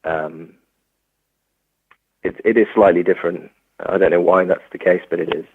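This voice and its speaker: A young male musician from England, the guest in a laid-back interview, speaks with frequent fillers and restarts. His voice sits low and slightly rough, with fairly even intonation at a normal speed. The dry recording sounds tinny and phone-like.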